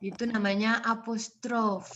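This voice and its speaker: Dosen perempuan bersuara cerah, bicara pelan. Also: female voice, on the high side, little pitch movement, unhurried, a bit bright, lo-fi sound, slight background noise. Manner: chatty, jokes with students, mixes English terms. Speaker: English phonology lecturer. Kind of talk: casual online lecture.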